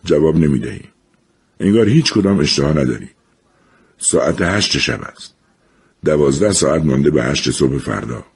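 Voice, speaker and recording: A man reads a story aloud with a low, deep voice and a slightly husky grain. His delivery is measured and reflective, unhurried from line to line. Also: animated. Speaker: narrator. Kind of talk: storybook narration.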